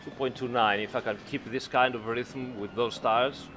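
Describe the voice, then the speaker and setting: A man's voice: medium pitch, steady tone, moderate pace. A man chatting casually as he drives in a sim race. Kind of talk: casual chat while racing. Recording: faint engine noise. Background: racing car sounds.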